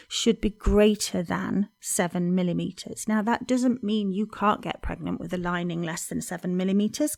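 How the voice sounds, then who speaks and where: A woman hosting a podcast, explaining in a calm, informative monologue with frequent ums. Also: mid-range voice, gravelly, no room sound. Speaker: fertility podcast host.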